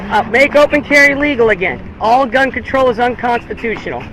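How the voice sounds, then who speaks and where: Outdoors next to a busy road, an American man is protesting, repeating slogans loudly and talking with passersby. He speaks a little fast in an extremely high pitch with lively intonation, and crowd noise and traffic fill the background.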